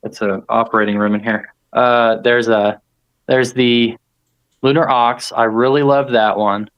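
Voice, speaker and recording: A man's voice: mid-range voice, fairly even intonation, unhurried, clear, resonant tone, dull audio. A man co-hosting a casual livestream, talking with many restarts and repeated words, enthusiastic about his coins. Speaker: co-host of a precious metals livestream.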